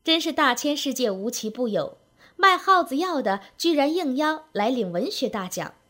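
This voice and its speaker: A woman telling a humorous story aloud, with wry, lively narration and rhythmic phrasing. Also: sits high, normal speed. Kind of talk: spoken comic storytelling.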